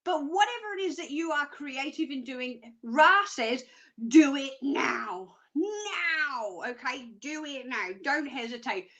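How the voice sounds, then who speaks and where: A woman gives psychic readings on a live show in a high, bright, forceful voice. She rambles chattily, drifts into jokey asides and keeps checking in with her listeners. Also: moderate pace, few pauses.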